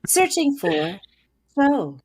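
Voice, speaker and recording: A woman's voice: high-pitched, very slow, slightly rough, voice pushed up, heavily acted. A woman voicing a formal, literal robot paladin in a tabletop game, talking in clipped voice-assistant tones. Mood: robotic. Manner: flat, clipped voice-assistant delivery. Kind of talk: online tabletop role-play.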